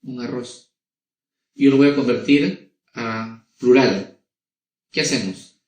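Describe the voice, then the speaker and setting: Here a primary school teacher, male, with a Peruvian Spanish accent, walks children through grammar slowly and repetitively while checking in with them regularly. His medium-pitched voice is a little mellow, heard from afar in an echoey space.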